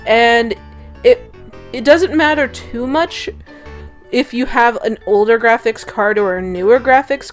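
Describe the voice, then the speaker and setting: A young woman talking casually through a gaming setup tutorial, chatty and often correcting herself. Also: on the high side. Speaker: gaming YouTuber. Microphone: desktop USB mic.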